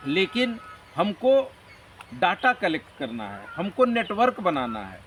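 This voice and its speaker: A man's voice: sits high, wildly swooping pitch, unhurried, fairly bright tone. A man being interviewed, talking earnestly and at length in a motivational way. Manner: earnest, motivational, rambling explanations. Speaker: interview guest. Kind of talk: conversational interview. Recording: distant mic with faint background noise.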